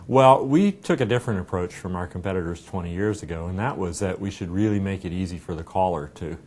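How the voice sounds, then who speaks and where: Speaking fast in a darkish tone, a middle-aged man from a software company demonstrates a product and chats about it during an interview. The setting is an indoor meeting room, recorded on a clipped lapel mic, with the sound clear apart from low, rumbling room noise.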